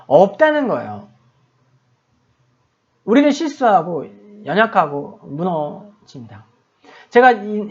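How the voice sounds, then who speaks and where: A middle-aged man preaching a sermon as a pastor and missionary, telling a story in a conversational, self-deprecating way. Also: sits high. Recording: dull lo-fi sound.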